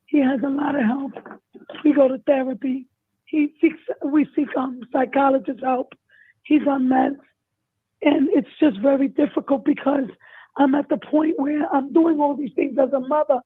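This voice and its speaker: A middle-aged woman with a hoarse, failing voice, a caller giving an emotional personal account in distress. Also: high-pitched, steady tone, normal speed, no room sound. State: losing her voice, distressed. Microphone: phone call. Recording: tinny, narrow phone-line sound.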